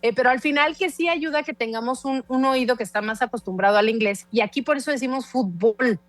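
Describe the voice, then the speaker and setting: A woman in her forties with a Mexican accent, a guest speaking in an animated, emphatic way on a casual podcast. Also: high voice, fast talker, dry recording. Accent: Mexican Spanish. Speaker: guest language expert.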